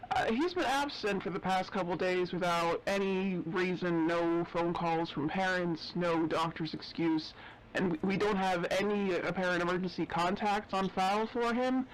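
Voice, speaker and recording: A man voicing a courteous school official who leaves a voicemail for the police. His voice sits high for a man, and he hesitates and fills pauses with ums and uhs throughout the message. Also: slight background noise, rough recording. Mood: polite. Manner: polite, hesitant, full of filler words. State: leaving a voicemail.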